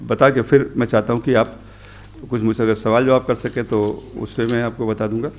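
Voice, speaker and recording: A middle-aged man giving a workshop talk as a journalist, rambling through his points with many pauses and English phrases mixed in. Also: medium pitch, level tone, a little mellow, a little hiss or hum. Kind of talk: workshop lecture. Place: conference hall.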